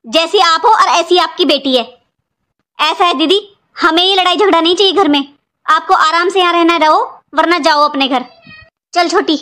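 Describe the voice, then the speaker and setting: Woman as a scolding, taunting aunt, very high voice, family drama. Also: normal speed, pushed and bright. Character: sharp-tongued maternal aunt scolding her niece.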